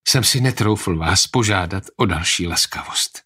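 A man's voice: low-pitched, sharp tone, husky, full character voice. A man reading an audiobook, voicing a frightened young male servant who pleads in a shaky voice. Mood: meek.

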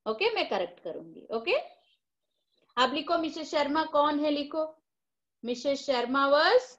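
A woman teacher with an Indian accent, coaxing young children through a class test on a video call, dictating slowly in Hindi and English. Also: sits high, animated, fairly bright tone, highs cut off.

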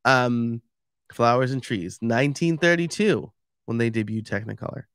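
A man's voice: mid-range voice, moderate pace, a bit bright, smooth, no room sound, clean studio sound. A man with a New York accent giving a casual, chatty livestream talk and explaining step by step with many fillers. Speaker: podcast expert giving a live stream talk.

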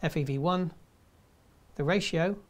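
Man narrating step-by-step instructions. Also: a little high. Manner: measured step-by-step delivery. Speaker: presenter.

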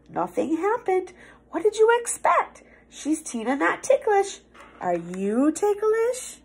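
A young woman with an extremely high-pitched voice and vocal fry reads a storybook to children with teacherly flair. She's playful and theatrical, drawing out words for effect and dropping to hushed asides. The setting is a small office room indoors.

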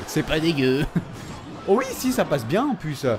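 A tired man casually commenting on his own game, excitable and talking to himself and his opponent. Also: a little high, unhurried, music in the background. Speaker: gaming video host.

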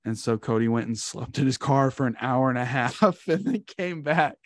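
A young man hosting a podcast, telling rambling profane stories in loose casual chat. His voice sits at an ordinary pitch and sounds dry and close to the mic. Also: normal speed, dry recording. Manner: profane, animated storytelling. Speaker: podcast host.

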